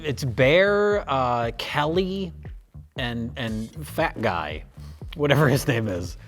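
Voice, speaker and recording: A man's voice: mid-range voice, expressive, slow pace, faint music behind. A man casually and comically questioning a film in a panel discussion. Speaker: show panelist. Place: indoor studio panel.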